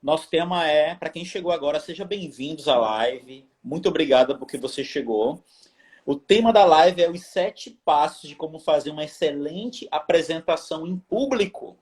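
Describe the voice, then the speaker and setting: A man's voice: on the high side, expressive, normal speed, darkish tone. A Brazilian man co-hosting a live stream, reading out viewer questions and thanking people by name in an upbeat way. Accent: Brazilian Portuguese.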